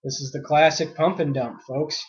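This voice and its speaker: A man hosting his own news commentary podcast, his voice sitting a little high. He reads articles aloud, then breaks into indignant rants full of uh fillers, and he is a bit sick with a cough. The recording is dull and lo-fi. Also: fairly even intonation, moderate pace.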